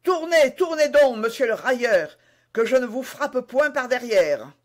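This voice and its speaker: A man voicing a hot-headed young Gascon swordsman who shouts in indignant fury. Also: very high voice, animated, a little slow, voice pushed up. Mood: furious.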